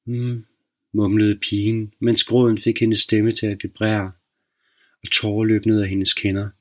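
A man hosting a podcast, reading a dark short story aloud in a slow, measured narration. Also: fairly low pitch, monotone. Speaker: podcast host and reader.

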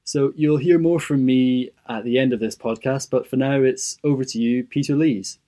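Man reading a podcast intro, mellow. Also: medium pitch, fairly even intonation, normal speed. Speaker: podcast presenter. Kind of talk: scripted introduction.

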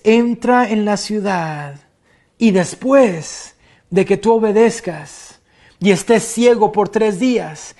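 A man preaching a sermon to his congregation as pastor, slow and emphatic, building on repeated rhetorical questions. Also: high-pitched.

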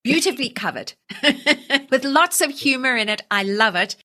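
A woman's voice: high-pitched, animated, normal speed, pushed and bright. A woman hosting a podcast interview, chatting in a friendly way and often agreeing with her guest. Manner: friendly, frequent agreeing backchannels. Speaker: podcast host. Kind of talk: conversational interview.

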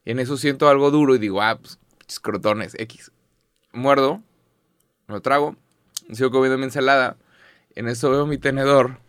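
A man's voice: medium pitch, fairly even intonation, brisk, pauses often, clear, resonant tone, no echo, clean studio sound. A man with a Mexican accent, co-hosting a podcast in casual, slangy chat and telling a story with a lot of swearing. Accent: Mexican Spanish. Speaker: podcast co-host.

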